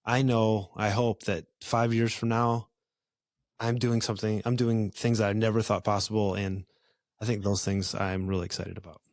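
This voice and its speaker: A man's voice: lowish voice, level tone, normal speed, darkish tone, dry recording. A man hosting a podcast, chatting casually in an easygoing way with lots of fillers and restarts. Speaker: podcast host. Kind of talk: casual conversation.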